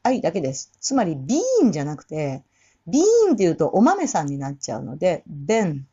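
A woman casually teaching English pronunciation for a song in Japanese, repeating and singing short English phrases slowly to demonstrate. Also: low-pitched, wildly swooping pitch, dark tone, husky, dull audio.

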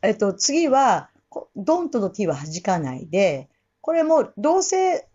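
A woman casually teaching English pronunciation for a song in Japanese, repeating and singing short English phrases slowly to demonstrate. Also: medium pitch, very animated, mellow, husky, highs cut off.

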